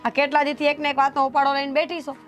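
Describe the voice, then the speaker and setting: A woman's voice: high-pitched, flat delivery, quick pace, soft background music, close to an everyday voice. A woman playing a reproachful elder sister who scolds her stubborn younger sibling. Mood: scolding. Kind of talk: family drama acting.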